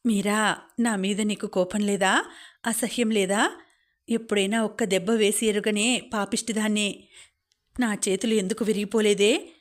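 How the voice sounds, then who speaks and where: Audiobook: tearful, harsh middle-aged mother, read by a woman narrator; keep it flat. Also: medium pitch, normal speed, long pauses, natural voice. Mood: remorseful, tearful.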